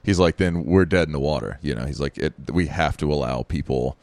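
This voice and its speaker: A man's voice: very deep voice, brisk, a little mellow, no room sound. A man co-hosting a podcast, chatting casually and rambling with lots of fillers and restarts. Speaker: podcast co-host.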